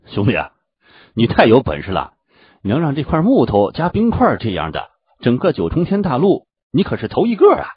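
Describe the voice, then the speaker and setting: Brief: man playing easygoing joking young hero, husky, lively, lo-fi audiobook. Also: mid-range voice, moderate pace, no room sound, pitched above the performer's own voice, exaggerated voice. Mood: amused. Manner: joking, warm-hearted. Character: easygoing young male hero, good-humoured. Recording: dull, dry lo-fi audio.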